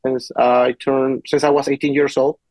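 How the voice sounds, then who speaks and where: A man, giving a webinar presentation as a city planner in a halting way with many restarts. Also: medium pitch, flat delivery, darkish tone, no echo. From Peru. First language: Spanish. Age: 40s. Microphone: video call. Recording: dull lo-fi webinar audio.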